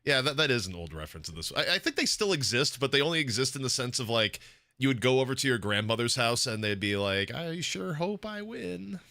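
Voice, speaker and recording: A man co-casting an esports stream in casual chat, joking and telling animated stories. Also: mid-range voice, quick pace, no echo, clean studio sound.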